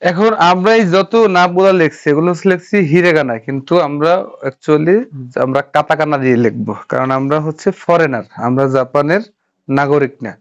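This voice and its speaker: A man teaching a Japanese script class online, halting and repeating syllables as he writes and quizzes his students. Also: a little high, no room sound, lo-fi sound. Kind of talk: informal online class instruction. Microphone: online class audio.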